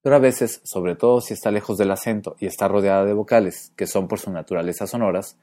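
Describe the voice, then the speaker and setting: A man teaching pronunciation in a clear, methodical way, slowing down to demonstrate sounds. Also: lowish voice, dark tone. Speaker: Spanish phonetics teacher. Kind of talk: explanatory lesson narration.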